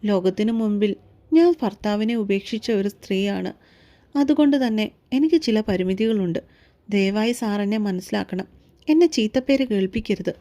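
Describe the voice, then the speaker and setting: A woman's voice: mid-range voice, normal speed, lightly acted. Woman voicing a proud, worried young mother. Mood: pleading. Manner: pleading, then sharp and irritated. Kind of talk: audiobook story reading.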